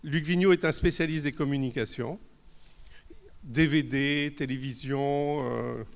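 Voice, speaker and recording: A man hosting a conference, formally introducing the guest speakers. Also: mid-range voice. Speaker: conference host. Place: conference hall. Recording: reverberant hall.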